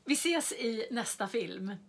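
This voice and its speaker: Woman teaching pronunciation slowly. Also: on the high side, animated, breathy edge. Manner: spells out words slowly and repeats them for learners. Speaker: Swedish language teacher. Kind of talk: slow, clearly articulated language lesson.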